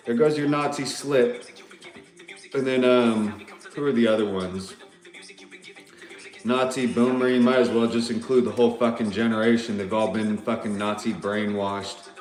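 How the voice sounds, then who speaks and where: A man's voice: mid-range voice, steady tone, measured pace, pauses often, roomy sound. A man delivering a rambling, profane rant to the camera, agitated and repeating himself.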